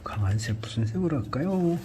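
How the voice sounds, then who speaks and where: A man giving a calm painting lesson, talking through each brushstroke and often dropping to a near whisper. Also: mid-range voice, fairly quick, background noise. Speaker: art instructor. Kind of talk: painting tutorial narration.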